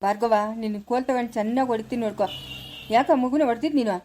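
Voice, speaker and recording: A woman's voice: a little high, rapid-fire, warm tone, a little hiss or hum, natural voice. A woman playing a stern village grandfather. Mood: lecturing. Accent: rural Chikkaballapura Kannada. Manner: scolding, advising in a firm lecturing tone. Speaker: village family skit actor. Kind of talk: homemade village drama.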